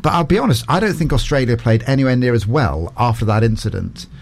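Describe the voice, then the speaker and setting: A radio presenter, a man with an average-pitched voice, keeps the chat moving with casual comments and quick questions. He sounds friendly and informal. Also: animated. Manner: chatty, prompting questions. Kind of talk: conversational interview.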